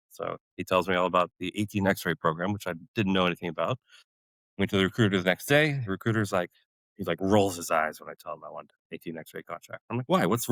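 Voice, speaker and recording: Deep-voiced and fairly bright, a Polish-native man in his forties, now a retired Army warrant officer, tells army stories on a podcast with no room sound. He keeps it casual and animated, laughing frequently and acting out the people in his tales.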